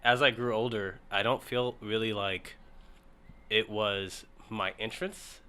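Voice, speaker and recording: A man's voice: fairly low pitch, fairly even intonation, a little slow, sharp tone, clean tone. A man in his twenties, originally from Ethiopia, telling his story as a guest in a casual podcast interview. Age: 20s. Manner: easygoing, storytelling, laughs along. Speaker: guest, startup founder.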